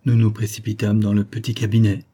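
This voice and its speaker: A man reading a literary story aloud in a measured, even narrating voice. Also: fairly low pitch, husky. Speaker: audiobook reader.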